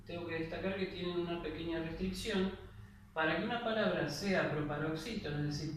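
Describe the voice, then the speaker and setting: Echoey, distant Argentine man teaching. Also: fairly high pitch. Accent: Argentine Spanish. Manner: patient explaining, checks in with a questioning "sí?" after each point. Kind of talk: classroom lecture. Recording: very echoey room, voice far from the mic, faint noise.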